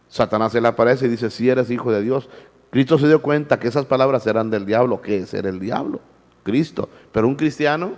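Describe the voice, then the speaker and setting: A man's voice: medium pitch, darkish tone, in a large hall. A male pastor preaching a sermon, firing rhetorical questions at the congregation and repeating his words. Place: church.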